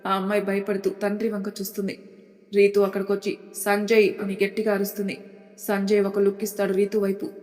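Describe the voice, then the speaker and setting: A woman's voice: medium pitch, monotone, quick pace, a little mellow, soft background music. Telugu-accented woman narrating a story. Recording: long hall reverb.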